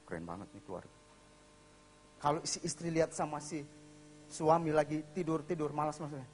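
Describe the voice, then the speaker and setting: A man's voice: fairly high pitch, fairly quick, a little hiss or hum. A man preaching in a church, telling a story in a casual way with dramatic acted voices. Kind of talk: storytelling sermon.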